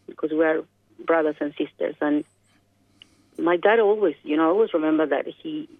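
A woman's voice: low voice, normal speed, dry recording. Chilean-accented woman on a phone line. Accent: Chilean Spanish. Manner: reflective, searching for words. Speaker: guest. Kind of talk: interview. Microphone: telephone. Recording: dry, tinny phone line.

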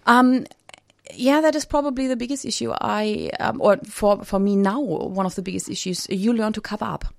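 A woman's voice: mid-range voice, moderate pace, vocal fry, no room sound. A woman from Germany, a radio studio guest, telling her personal story hesitantly with many fillers and restarts. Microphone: studio microphone.

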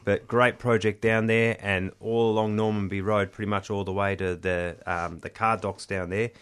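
Aussie tradesman type, male, lower-pitched, matey union rep in relaxed conversational chat. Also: moderate pace, clear, resonant tone. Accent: Australian. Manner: blokey Aussie tradesman talk, matey and colloquial. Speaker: union representative, podcast host. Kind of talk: casual chat.

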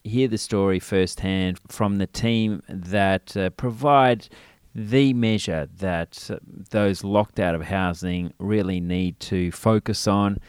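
A man hosts a radio podcast in a chatty, self-mocking way, asking listeners to put up with him. His fairly low voice still comes out thin and tinny with no bass. It was picked up by a laptop's built-in mic, and the sound is dry and close. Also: takes it slowly, smooth, dry recording. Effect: thin tinny sound with no bass, recorded through a laptop mic. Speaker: radio show host. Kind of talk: casual spoken intro to a podcast.

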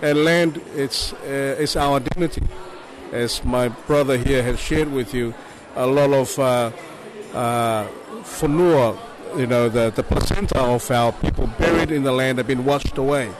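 Older man from Niue, halting and earnest. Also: mid-range voice. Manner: halting, earnest, many fillers. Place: outdoor rally. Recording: crowd at outdoor rally.

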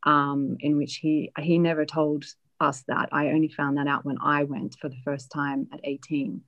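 Low-voiced woman telling her story. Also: flat delivery, normal speed, muffled recording. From Australia. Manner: reflective, hesitant with frequent fillers. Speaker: interviewee. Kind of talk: personal storytelling interview.

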